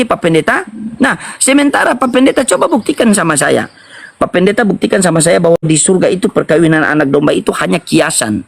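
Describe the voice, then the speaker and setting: A man's voice: high-pitched, gravelly, a bit bright, slightly rough, dry recording. A man arguing in a debate, who challenges his opponent in an argumentative way with many questions.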